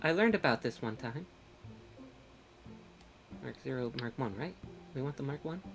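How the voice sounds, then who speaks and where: A woman live-streaming a game, animated and joking, often scolding chat and stumbling over repeated words. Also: rumbling low, moderate pace, soft background music. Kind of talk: casual live-stream chat while playing.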